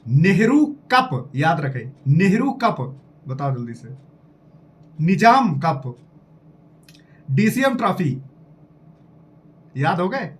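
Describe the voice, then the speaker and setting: A man's voice: a little high, sing-song, takes it slowly, pauses often. A man teaching an exam-prep lesson, quizzing his listeners directly and drilling items through repetition. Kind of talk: lively exam-prep lesson with memory tricks.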